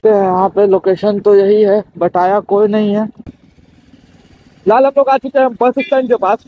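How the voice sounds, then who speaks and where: Riding a motorbike through town roads, a young man from Bihar, India, gives casual motovlog commentary straight to his viewers, repeating himself. His voice sits high with fairly even intonation at a moderate pace. It sounds phone-quality with slight hiss or hum.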